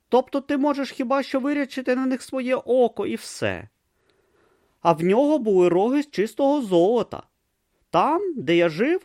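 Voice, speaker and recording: A man's voice: high-pitched, a little mellow, no room sound, clean studio sound, pitched above the performer's own voice. A man playing a timid, naive young novice monk who speaks earnestly and hesitantly. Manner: earnest, hesitant, wide-eyed.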